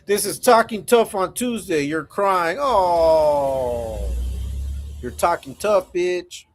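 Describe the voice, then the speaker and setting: A man's voice: high-pitched, expressive, unhurried. A man hosting a livestream, ranting bluntly and profanely while answering chat comments in a confrontational, mocking way. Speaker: livestream host.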